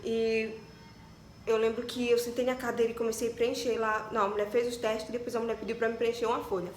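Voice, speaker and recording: Fast and fairly high-pitched, a young Brazilian vlogger chats animatedly through a personal story, sprinkling in asides and fillers such as "tipo" and "né." Slight background noise and faint ambience fill the echoey room.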